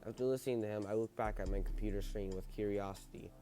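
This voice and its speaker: A man narrating a visual novel as he plays, reading haltingly, with stumbles and self-corrections. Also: on the low side, fairly even intonation, warm tone, faint music behind. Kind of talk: narrated read-through with character dialogue.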